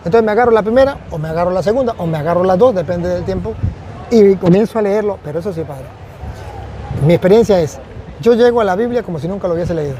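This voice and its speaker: A man's voice: high-pitched, fast talker, dark tone, slight background noise. A man, a priest, speaking earnestly and reflectively in a conversational testimony, often repeating phrases for emphasis.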